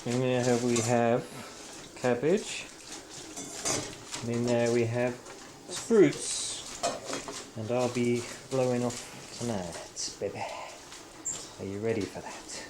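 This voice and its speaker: A man's voice: medium pitch, steady tone, takes it slowly, long pauses. Man on hissy old camcorder tape. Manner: jokey, teasing. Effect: old camcorder tape sound. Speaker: home camcorder operator. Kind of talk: casual home-video commentary. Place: home kitchen, indoors. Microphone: built-in camcorder mic.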